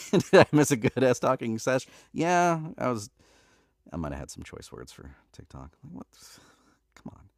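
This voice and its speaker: This livestream host has a stuffy nose from allergies and a gravelly mid-range voice whose pitch swoops wildly at a normal pace. He chats casually and laughs a lot before reading a novel aloud, fixing his own misreadings as he goes. The studio-quality recording has no echo.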